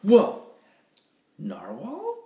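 A man's voice: high-pitched, wildly swooping pitch, very slow, dark tone, voice pushed up, heavily acted. A man reading the part of an incredulous jellyfish in a children's storybook, questioning and disbelieving. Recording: echoey room with faint noise.

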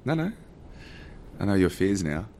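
A man's voice: low voice, big pitch swings, moderate pace, mellow. A man co-hosting a podcast in casual chat, teasing his co-host playfully.

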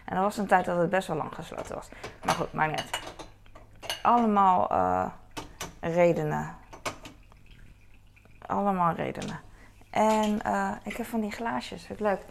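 Chatty, gravelly-voiced young mother vlogging. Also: medium pitch, brisk, noisy background. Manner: chatty and rambling, animated when telling stories. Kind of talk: casual chatty vlog while doing household chores.

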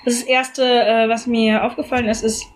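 A woman co-hosting a casual podcast, lively as she retells a TV episode and drops dry quips. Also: a little high, brisk, a little hiss or hum. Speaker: podcast co-host.

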